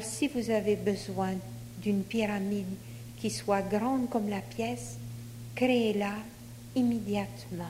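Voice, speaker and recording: Female meditation guide, unhurried and measured, recorded in a very reverberant hall with faint noise. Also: mid-range voice, warm tone. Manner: measured, instructing in short phrases. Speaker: leader of a spiritual group exercise.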